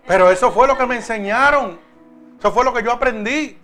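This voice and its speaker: A man, preaching a sermon as a pastor and giving his own testimony, fervent and shifting between loud emphasis and hushed confession. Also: extremely high pitch, a little fast, faint music behind.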